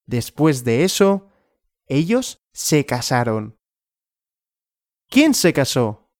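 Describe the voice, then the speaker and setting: A male language teacher telling a simple story, asking and answering his own questions slowly and clearly. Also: medium pitch, big pitch swings, no echo, clean studio sound.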